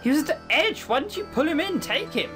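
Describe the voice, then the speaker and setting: Over music, a high, pushed-up voice races along with great animation. In this first-person audio roleplay, the voice actor plays an ancient fiend confined to a circle for ages, scornful and brooding by turns and prone to tormented outbursts.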